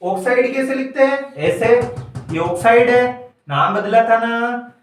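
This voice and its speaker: A high-pitched man teaches a class, firing questions and answering them himself. His voice rings around a very echoey room. He stands well back from the mic. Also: unhurried, distant mic, faint music behind. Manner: quizzes students, answers his own questions. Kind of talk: classroom lecture with call-and-response.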